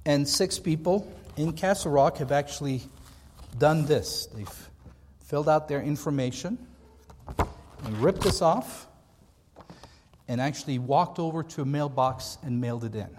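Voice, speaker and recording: American pastor talking in an echoey hall. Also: male voice, on the high side, measured pace, darkish tone, slight background noise. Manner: conversational, emphatic repetition. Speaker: pastor, seminar speaker. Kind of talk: informal church training talk. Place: large hall, speaking to a group. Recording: echoey hall with long reverb.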